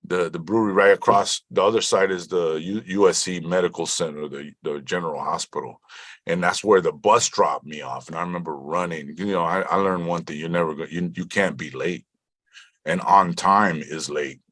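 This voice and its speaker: Man from Compton, deep voice, dry close recording; animated storyteller who acts out dialogue. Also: moderate pace, no echo. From Compton, California (born in Mexico). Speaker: actor telling his career story. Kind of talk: casual storytelling interview.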